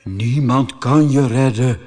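A man voicing a calm talking tuna fish in a storybook reading, unhurried. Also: mid-range voice, in a large hall, natural voice. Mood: gloomy.

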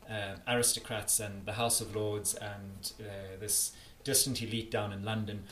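An interviewee with a South African accent, a campaigner, answers a little slowly in a voice on the low side with a level tone. The voice is fairly bright. He speaks earnestly and emphatically, repeatedly restarting sentences, in an echoey room with faint noise.

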